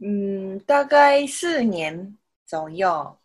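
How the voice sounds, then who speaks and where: A woman, a native Japanese speaker with a Japanese accent in Mandarin, chatting casually as an interview guest in halting, simple phrases with repeated words. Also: medium pitch, animated. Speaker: podcast guest, self-taught Mandarin learner.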